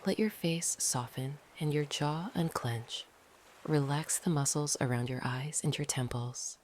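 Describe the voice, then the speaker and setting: A meditation guide with a medium-pitched voice leads a slow, soothing session, speaking gently and breathily, often in a whisper. Long pauses separate the calm phrases, and noisy ambient sound lingers behind the voice.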